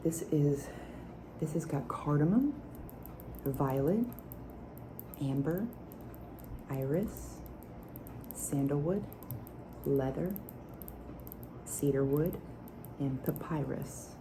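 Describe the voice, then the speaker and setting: Very low, slow, soft-spoken ASMR woman. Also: lively intonation, background noise. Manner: soft, hushed, near-whispered speech. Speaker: ASMR perfume reviewer. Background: nail tapping.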